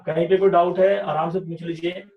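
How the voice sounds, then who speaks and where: High-voiced maths teacher, echoey room. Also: male voice, level tone, fairly quick, distant mic, lo-fi sound. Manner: explains step by step, often asks "sahi hai kya?". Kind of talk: online revision class lecture.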